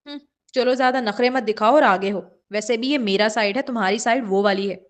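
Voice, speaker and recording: A woman's voice: fairly high pitch, close to an everyday voice. A woman voicing a playful young wife in an audiobook reading, coaxing and teasing in a light voice.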